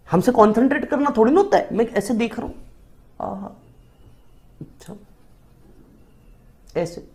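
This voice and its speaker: Brief: man as a speaker spinning a self-mocking funny story, animated and chatty. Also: high-pitched. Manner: chatty, with frequent rhetorical asides to listeners. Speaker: motivational speaker. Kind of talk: humorous storytelling talk.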